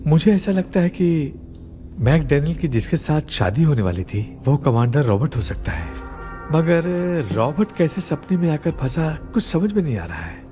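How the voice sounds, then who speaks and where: A man dubbing a confident ghost expert in a Hindi film, calm and instructive. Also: on the high side, normal speed, faint music behind. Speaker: ghost expert addressed as sir.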